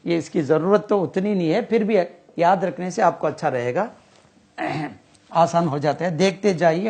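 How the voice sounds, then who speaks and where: Slow man teaching grammar. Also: on the high side, a little mellow. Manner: slow, repeats and spells out terms while writing. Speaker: English teacher. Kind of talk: whiteboard grammar lesson.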